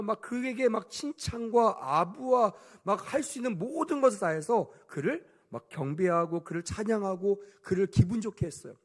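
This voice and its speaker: A man preaching a sermon as pastor, telling a story with lively rhetorical questions to the congregation. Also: high-pitched. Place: church service.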